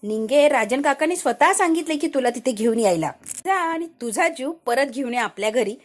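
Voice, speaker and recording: A woman's voice: high voice, animated, fairly quick. A woman narrating a TV serial recap, telling the plot as a story and speaking every character's lines herself.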